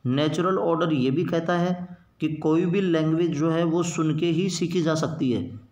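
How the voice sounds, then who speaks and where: Guy teaching exam prep, reads english quotes out slow then explains them, a bit high voiced. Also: fairly even intonation, darkish tone. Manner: explains in Hindi mixed with English terms, repeats for emphasis. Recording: echoey room.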